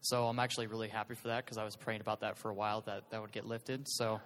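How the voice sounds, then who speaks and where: A man's voice: lowish voice, little pitch movement, quick pace, heavy background noise. A young man sharing his church camp testimony into a handheld microphone, earnest and hesitant with many "um"s. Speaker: youth group member sharing testimony. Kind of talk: casual spoken testimony. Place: large hall at a youth church event. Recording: reverberant hall.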